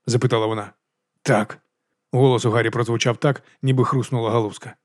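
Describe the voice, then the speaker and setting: A man reading a novel aloud as an audiobook narrator, in brisk, even storytelling. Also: mid-range voice, no echo, studio quality.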